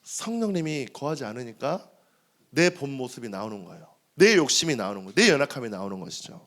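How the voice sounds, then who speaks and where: Male pastor, 30s, animated sermon delivery, frequent rhetorical questions to the pews. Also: medium pitch, fast talker. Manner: lively, asks the congregation questions and answers them. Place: church sanctuary.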